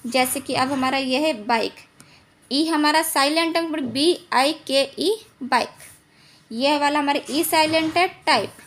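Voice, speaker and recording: A woman's voice: high voice, a bit bright. A woman teaching English silent letters in an online lesson, patiently repeating each rule and asking herself questions before answering them.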